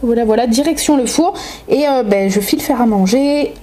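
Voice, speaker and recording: A woman talks her viewers through her day in a casual vlog. Her voice sits fairly high, and she rambles in a friendly way, often stopping on small hesitations before she goes on. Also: normal speed, dark tone. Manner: chatty, hesitant, many filler sounds. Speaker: vlogger and mother.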